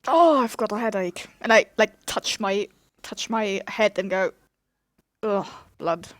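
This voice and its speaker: A woman with a mid-pitched voice plays a tabletop game. She chats casually and feels her way through her character's actions, in very dry sound. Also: moderate pace, no room sound. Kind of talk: casual role-play chat.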